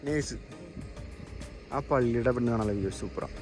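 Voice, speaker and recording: Guy vlogging a trip, drops english words in, repeats stuff excitedly, medium pitch, loud music over it. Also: brisk. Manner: mixes English words into Malayalam. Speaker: travel vlogger and host. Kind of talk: casual travel vlog chat.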